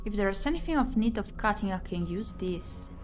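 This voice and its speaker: Reading game text aloud expressively during a visual novel stream, a woman speaks at a moderate pace in a mid-range voice with lively intonation. She mutters short asides to herself, and music can be heard behind her voice.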